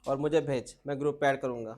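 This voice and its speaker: A man's voice: medium pitch, fairly even intonation, fast talker, darkish tone. A man teaching biology to a class, repeating points and asking students questions. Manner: repetitive, asks students questions.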